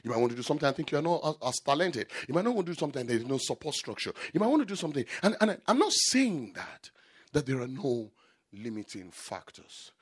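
A man preaching a sermon, shifting between loud shouted peaks and low quiet asides, repeating key lines for emphasis. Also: sing-song, fast, husky.

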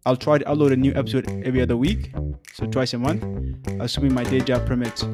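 A man in his twenties from South Sudan, hosting his own podcast in an earnest, measured solo narration with occasional fillers. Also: medium pitch, steady tone, loud music behind the voice. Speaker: podcast host.

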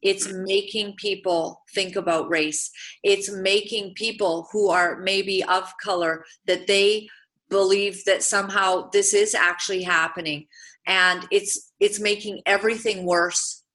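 A woman's voice: medium pitch, steady tone, measured pace, a bit bright, poor audio. A woman born in Uganda hosting a political talk show, speaking earnestly and emphatically. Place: Vancouver area.

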